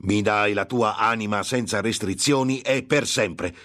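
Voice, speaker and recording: A man playing a scornful slow-drawling demon. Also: lowish voice, voice pushed up. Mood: urgent. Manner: slow, drawn-out, swelling into furious shouts. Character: scornful male demon tempter, menacing and impatient. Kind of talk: dramatic audiobook reading.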